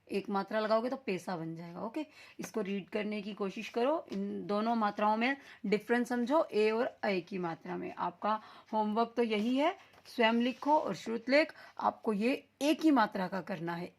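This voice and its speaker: A woman teacher giving a recorded lesson to young children, sounding out syllables slowly and with emphasis, mixing in English words. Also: mid-range voice, gravelly.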